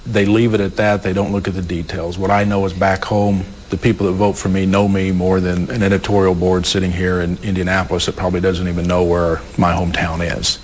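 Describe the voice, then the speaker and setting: A man's voice: low-pitched, little pitch movement, brisk, few pauses, a little hiss or hum, poor audio. A man, a state legislator and former prosecutor, explaining his views on a panel, often repeating words as he thinks. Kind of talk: panel discussion.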